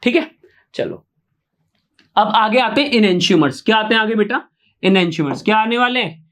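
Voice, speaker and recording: A man's voice: high-pitched, lively intonation, unhurried, fairly bright tone. A man teaching chemistry online, repeating each question to his students and answering it himself, often asking yes or no. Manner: coaxing, keeps asking yes or no. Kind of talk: online exam-prep lecture.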